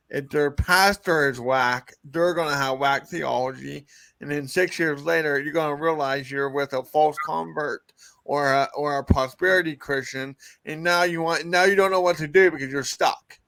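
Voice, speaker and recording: A middle-aged male pastor co-hosts a casual faith podcast. He talks bluntly and jokes while he preaches, in a slightly high voice recorded dry and close. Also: creaky, fairly bright tone, dry recording. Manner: blunt, joking, preachy asides.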